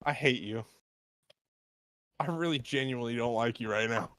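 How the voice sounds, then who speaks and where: A man's voice: mid-range voice, normal speed, a bit bright. A man bantering with friends over a game, in a dramatic mock-grumpy way. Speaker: gaming stream co-player. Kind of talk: casual gaming banter.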